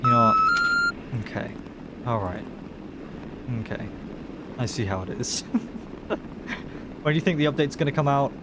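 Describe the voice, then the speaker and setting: A man livestreaming a game in casual chat, talking in excitable bro-and-dude slang. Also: mid-range voice, brisk, pauses often, heavy background noise. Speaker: live game streamer.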